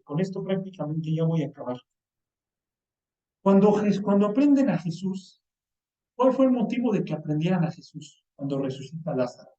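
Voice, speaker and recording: High-pitched Mexican preacher, echoey and distant. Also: male voice. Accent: Mexican Spanish. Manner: colloquial, animated, voices quoted dialogue. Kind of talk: sermon. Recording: echoey, distant, dull lo-fi sound.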